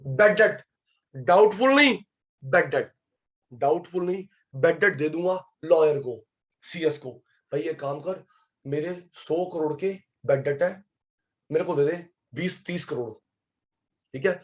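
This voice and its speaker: A man teaching an online exam-prep class as a professor, animated, repeating key terms, mixing in English terms and calling on students by name. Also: on the high side, unhurried, pauses often. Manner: mixes English terms into speech.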